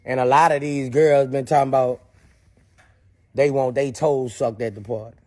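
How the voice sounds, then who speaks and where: A man's voice: medium pitch, steady tone, normal speed, mellow. A man announcing a topless pool party, heard as a played clip. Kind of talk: promo announcement.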